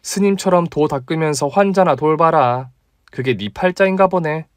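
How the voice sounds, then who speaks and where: A man's voice: on the high side, normal speed, clean tone, no room sound, voice pushed up, lightly acted. Man putting on a pushy, teasing young woman doctor, raised voice, dry close sound, radio story. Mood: bold teasing. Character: bold young woman doctor, blunt and tough.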